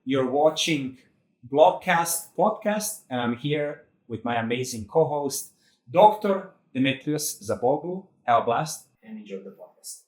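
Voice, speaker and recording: A man giving an energetic podcast intro. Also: medium pitch, measured pace. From Croatia. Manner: energetic, projected announcing. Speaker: podcast host. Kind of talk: show intro announcement. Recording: echoey room.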